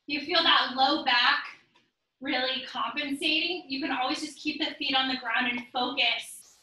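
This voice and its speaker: Bright high-voiced woman leading a workout. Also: moderate pace. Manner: steady counting cues, instructive while exercising. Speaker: fitness instructor. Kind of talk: guided workout class. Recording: roomy sound, distant from the mic.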